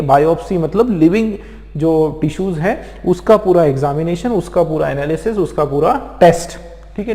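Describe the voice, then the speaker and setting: A man from India teaching English vocabulary in an exam-prep lecture, explaining slowly and checking in with his students again and again. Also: on the high side, dark tone. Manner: explains slowly with many repeated check-ins. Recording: echoey room with long reverb.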